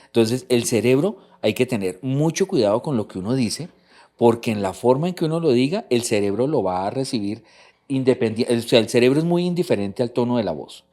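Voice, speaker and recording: A man's voice: mid-range voice, animated, brisk, mellow. A middle-aged man from a church couples ministry, teaching and repeating his key points. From Colombia. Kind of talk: church talk on marriage.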